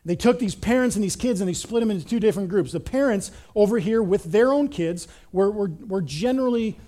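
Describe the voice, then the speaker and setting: A middle-aged man preaching a sermon as pastor, telling stories in an animated way and often repeating words. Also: high-pitched, a little fast. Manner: animated storytelling, repeats words, acts out quotes.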